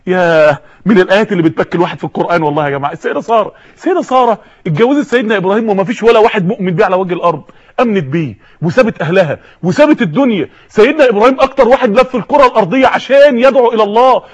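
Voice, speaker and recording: A man with an Egyptian Arabic accent delivers an impassioned sermon in a very high voice. He talks fast and dramatizes each scene, dropping to near-whispers and rising to cries as he voices the people he preaches about. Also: animated, highs cut off. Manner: impassioned, dramatic swings between hushed and loud.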